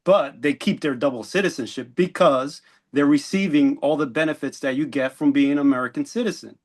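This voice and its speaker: A man's voice: fairly high pitch, brisk. Earnest indignant podcast man. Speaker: podcast co-host. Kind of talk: casual chat.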